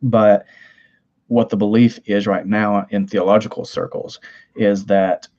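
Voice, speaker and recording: A man's voice: fairly low pitch, flat delivery, a little slow, a little mellow, lo-fi sound. Chatty Southern man with a twang. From Tennessee, US. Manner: chatty, rambling, reads chat aloud, laughs easily. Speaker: livestream host. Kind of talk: casual livestream chat.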